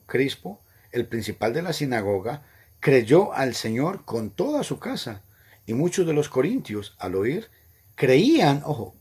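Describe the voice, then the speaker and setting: Husky-voiced guy preaching a bible lesson, pitch jumps all over, keeps hammering the same point. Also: darkish tone. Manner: emphatic, repeats points, rises sharply on quoted lines. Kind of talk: Bible teaching sermon.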